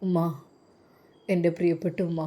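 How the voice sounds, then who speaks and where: A woman's voice: fairly low pitch, level tone, normal speed, warm tone, natural voice. A woman voicing a devoted young male religious teacher, an earnest, pleading son.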